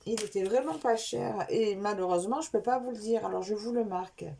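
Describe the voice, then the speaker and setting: A woman's voice: medium pitch, brisk, creaky, warm tone, a little hiss or hum. A woman chatting casually through an unboxing of craft supplies for her vlog. She wanders between topics and corrects herself as she goes. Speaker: craft vlogger.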